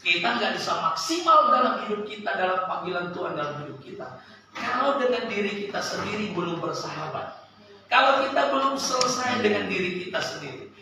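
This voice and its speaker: A man preaching a sermon and telling a personal story, with an animated voice that climbs and sinks sharply. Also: high voice, fairly quick, noisy background. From Sulawesi, Indonesia. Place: church service hall. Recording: echoey church hall, from a distance.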